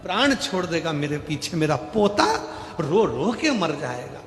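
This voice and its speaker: A man's voice: on the high side, big pitch swings, unhurried, fairly bright tone, heavily acted. A man playing a boastful rich merchant. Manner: boastful, pleading. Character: boastful, self-important wealthy merchant man. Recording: echoey hall.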